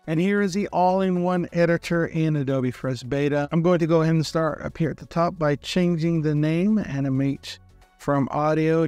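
A man calmly explaining software step by step in a screen-recorded tutorial, in a relaxed, friendly way. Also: a little high, dry recording.

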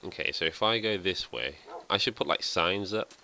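Very deep-voiced man commentating a game. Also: moderate pace, pushed and bright, slight background noise. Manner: rambling, self-deprecating thinking aloud. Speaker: let's play host. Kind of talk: casual gameplay commentary.

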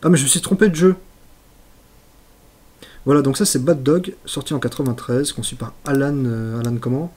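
A man's voice: mid-range voice, moderate pace, long pauses, breathy edge. A man giving live commentary as he plays old games on stream, exclaiming at his mistakes and joking about himself. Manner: excitable, exclaims and talks to himself while playing; self-mocking asides.

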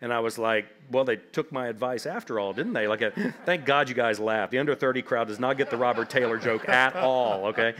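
On a library stage before a seated audience, an author in his fifties tells funny anecdotes, rambling humorously with lots of "like" and "you know." He speaks briskly with hardly any pauses, in a medium-pitched, somewhat bright voice.

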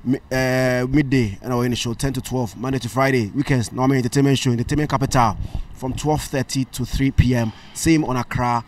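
A Ghanaian man hosts a casual podcast at a rapid clip, mixing English with local phrases. He sits a little back from the mic, and a faint hiss runs under his voice. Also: medium pitch, steady tone, a little mellow, distant mic. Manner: fast, switching between English and local language. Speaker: podcast host. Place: studio room in Hamburg.

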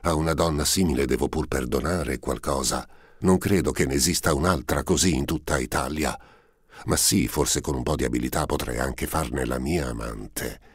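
A man voicing a proud, vindictive prince who is quick to rage, in a haughty, scheming tone that bursts into shouting, read for an audiobook. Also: extremely low pitch, husky, dry recording, studio quality. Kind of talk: audiobook character reading.

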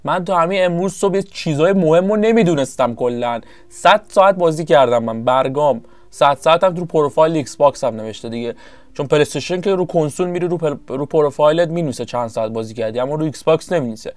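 A man giving casual, rambling commentary over his own strategy game session, often pausing to search for the right word. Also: on the high side, dry recording. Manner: chatty, rambling, searches for words. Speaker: gameplay commentator.

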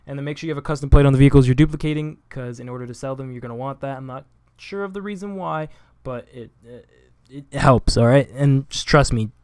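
A young man talking casually through a video game tutorial, rambling with lots of fillers and quick self-corrections, recorded on a desk microphone at home. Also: fairly high pitch, darkish tone, clean tone, no echo. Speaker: gaming video creator. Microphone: desk USB microphone.

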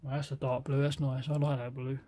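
A British man casually reviewing a box of model paints, reading out colour names haltingly and admitting he can't pronounce some. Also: medium pitch, level tone, dark tone, slight background noise.

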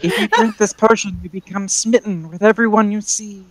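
A game master voicing a fussy, polite old woman shopkeeper who appraises items, speaking slowly with hesitations. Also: medium pitch, fairly even intonation, voice pushed up, lightly acted, rough recording. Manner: slow, polite, hesitant with many ums. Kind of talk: tabletop game character voice.

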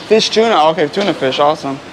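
This travel vlogger, an American man, talks quickly with a slightly high, lively voice as he explains local words and dishes to his audience. He's out on a crowded street, with traffic and street sounds in the background.

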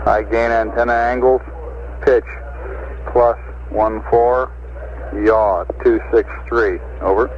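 A man's voice: medium pitch, fairly even intonation, slow pace. A man in astronaut radio style, a mission control communicator giving procedural updates and figures. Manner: procedural, reads figures digit by digit. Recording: muffled radio link with hiss.

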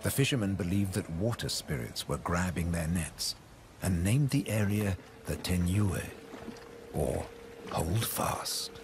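A man reading scripted nature documentary narration in a measured way, with dramatic pauses for emphasis. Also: deep voice, expressive, creaky, background noise. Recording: loud music under studio narration. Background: prominent music.

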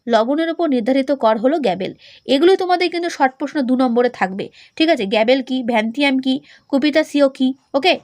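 A woman teacher talks fast in a high voice. She explains a point and then quizzes the listener on it. The sound is dry and close, with no room echo. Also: animated, a little mellow. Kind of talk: classroom lecture.

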